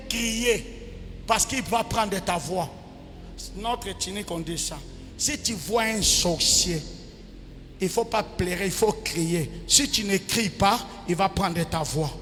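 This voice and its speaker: A male pastor preaching a sermon, swinging between loud shouted cries and quiet asides. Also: high voice. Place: large church hall. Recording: church hall reverb with music. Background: music.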